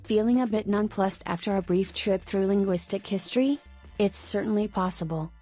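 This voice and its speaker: A woman giving a scripted explainer on tricky words, clear and lightly playful. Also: mid-range voice, moderate pace, dark tone. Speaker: narrator. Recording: faint background music.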